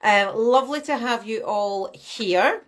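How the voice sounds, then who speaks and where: A nutrition coach hosts a live-stream masterclass from a small room at home, speaking through her laptop webcam mic. Her voice sits on the high side at a slow pace. She's chatty and animated, gestures a lot, and greets viewers by name.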